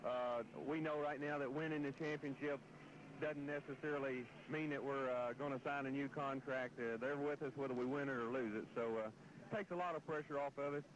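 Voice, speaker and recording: Mid-pitched man, muffled interview audio. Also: fairly even intonation, fairly quick. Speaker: racing team member interviewed. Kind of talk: casual interview answer. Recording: dull, slightly noisy interview audio.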